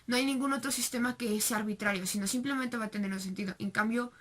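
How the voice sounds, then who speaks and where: A young woman with a Mexican Spanish accent walks through a recorded class presentation. Her voice sits slightly high, and she explains step by step, filling pauses and tagging points with rhetorical questions. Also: fairly even intonation, a bit bright. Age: young adult. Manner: explanatory, with frequent fillers and rhetorical tags. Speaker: student presenter.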